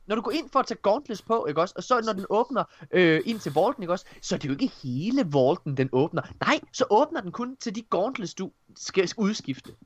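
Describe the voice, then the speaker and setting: Male podcast host, fairly high voice, informal banter, slightly muffled roomy recording. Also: sing-song, few pauses. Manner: informal, swearing, joshing. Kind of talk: casual chat.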